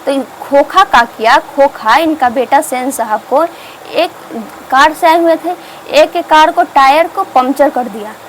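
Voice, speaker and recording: A woman's voice: high voice, unhurried, fairly bright tone, slight background noise, rough recording. A woman teacher explaining a story to students, asking herself questions and answering them. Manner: repetitive, asks and answers its own questions.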